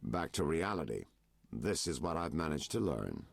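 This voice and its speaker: An actor playing a world-weary private detective in a video game, with a theatrical, insinuating noir delivery. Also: male voice, a bass voice, very animated, moderate pace, creaky, no echo, soft background music, full character voice. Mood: grave, confiding. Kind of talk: video game dialogue acting.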